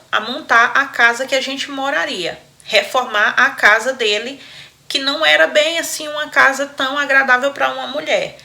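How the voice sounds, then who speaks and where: Bright, chatty woman storyteller. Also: on the high side, vocal fry. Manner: animated, laughs often, talks to listeners as friends. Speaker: storyteller host.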